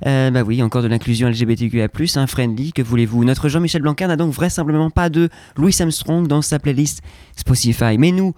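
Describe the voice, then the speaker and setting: A man's voice: medium pitch, brisk, darkish tone, no room sound, clean studio sound. A man hosting a radio show, teasing in a mock-pompous, ironic way. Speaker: radio host. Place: radio studio.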